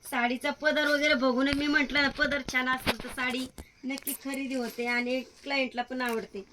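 High-voiced woman selling sarees. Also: flat delivery, moderate pace, background noise. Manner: sweet-talking, praising sarees eagerly. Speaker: saree shop vlogger. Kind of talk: lively sales vlog.

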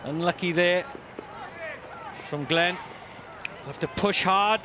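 High-voiced male cricket commentator, crowd behind. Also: slow pace. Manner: builds to shouts on big moments. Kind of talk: live sports commentary. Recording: broadcast mic over loud stadium crowd and noise.

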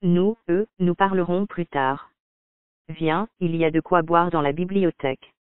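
A gently wry doctor who speaks softly, an old friend of the family, read by a man in his own voice. The tone is fairly high and clean. The recording is dry and narrow, like a phone line. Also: measured pace, smooth, no echo. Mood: gentle. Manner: soft, dry humour. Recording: dry, tinny phone-like audio.

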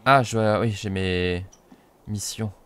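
A man's voice: lowish voice, takes it slowly, fairly bright tone, clear, resonant tone. A man from France hosting a let's play, chatting casually and reading the game's story text aloud with playful emphasis.

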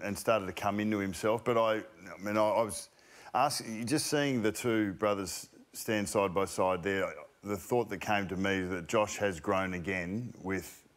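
Male studio analyst, lower voice, reflective and stop-start. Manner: thoughtful, halting restarts. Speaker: panelist. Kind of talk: sports panel discussion.

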